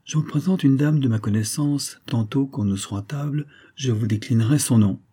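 A man's voice: medium pitch, a little fast, warm tone, slightly rough, pitched above the performer's own voice, lightly acted. A man voicing a proud French count. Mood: courtly. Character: French nobleman count, proud, startled hunter.

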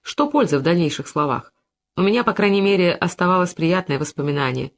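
A reader voicing a weary, proud film boss who speaks gruffly and with hurt dignity. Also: mid-range voice, expressive, brisk. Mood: aggrieved. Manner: gruff, aggrieved, stiffly dignified. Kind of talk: audiobook character voice.

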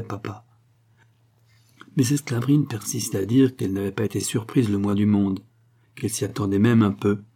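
A man reading a classic novel aloud as an audiobook narrator, in a measured way. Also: lowish voice, warm tone, slightly rough. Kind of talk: scripted narration.

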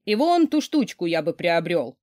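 Narrated by a woman, an overbearing wealthy giant of a man who barks orders and teases mercilessly. His lines bounce with lively pitch swings. The sound is dry and close. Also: normal speed, no echo. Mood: mocking. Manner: gruff, barking, mocking orders.

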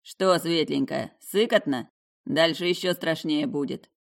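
A woman voicing a rude young male necromancer who drawls his insults slowly. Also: deep voice, gravelly. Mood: sneering. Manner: slow, sneering, contemptuous.

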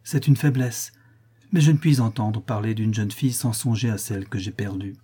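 A man's voice: lowish voice, normal speed, warm tone, breathy edge. A man voicing a grieving, melancholy prince in an audiobook reading, speaking solemnly and sorrowfully. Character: grieving middle-aged prince, noble and melancholy.

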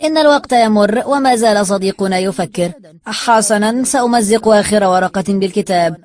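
A reader voicing a sly, greedy man who taunts and talks down to others, in a raised, louder voice. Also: medium pitch, a little fast, voice pushed up, close to an everyday voice. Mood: smug. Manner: taunting, smug and condescending.

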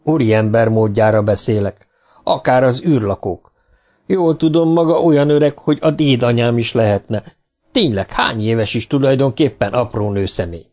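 A man voicing a burly, swaggering spaceship sailor in an audiobook, gruff and mocking. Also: mid-range voice, darkish tone, natural voice.

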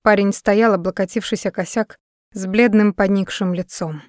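A woman reading a dramatic novel aloud in steady audiobook narration. Her voice sits at a middle pitch and sounds close and dry, with no room around it. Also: normal speed, dry recording.

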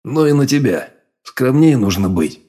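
A man's voice: mid-range voice, lively intonation, moderate pace, dark tone, breathy edge, voice pushed up. A male audiobook reader voicing the first-person hero, a blunt man who shrugs off danger. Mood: plain. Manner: plain, shrugging. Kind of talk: audiobook character voice.

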